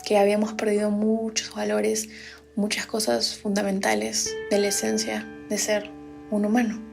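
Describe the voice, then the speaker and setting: A woman giving a reflective, gentle personal message. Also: medium pitch, completely flat delivery, a little fast, creaky, music in the background.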